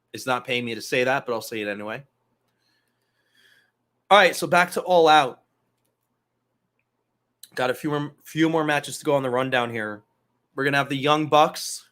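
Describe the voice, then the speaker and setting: A man hosts a casual wrestling talk podcast, loose and profane, rambling through asides. His voice is medium-pitched, pushed and bright.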